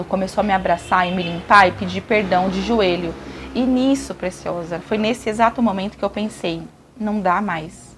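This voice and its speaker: A woman's voice: mid-range voice, a little hiss or hum. A young woman with a Brazilian Portuguese accent, confiding a personal story to her viewers in a chatty way. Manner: chatty, addresses viewers directly. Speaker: vlogger. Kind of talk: emotional personal confession.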